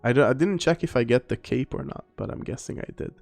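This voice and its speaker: Male game streamer, casual rambling commentary, mid-pitched, reads chat aloud, faint music underneath. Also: quick pace, gravelly, a little mellow. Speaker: gaming streamer. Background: faint background music.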